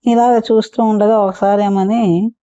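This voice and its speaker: A woman's voice: mid-range voice, fairly even intonation, unhurried, mellow, clean tone, no echo. A woman storyteller telling a folk tale for children in a homely, repetitive, chatty way. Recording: dull muffled recording.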